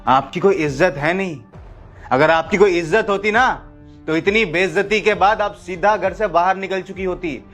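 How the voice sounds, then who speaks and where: Faint music plays behind a man with a high voice and moderate pace as he acts out a domineering, angry husband in a family drama skit. He shouts, orders people about, and speaks rudely and scornfully.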